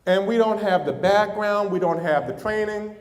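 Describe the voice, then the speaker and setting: With a high-pitched voice at normal speed, a middle-aged pastor from the United States tells stories during a sermon, chuckling with his congregation. The sound carries a long hall reverb.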